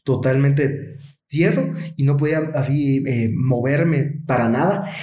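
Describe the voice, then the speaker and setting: A man's voice: mid-range voice, a little slow, mellow. Hesitant man in an echoey room. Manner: hesitant, searches for words, many fillers like "o sea" and "como que". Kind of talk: casual chat, telling a personal story.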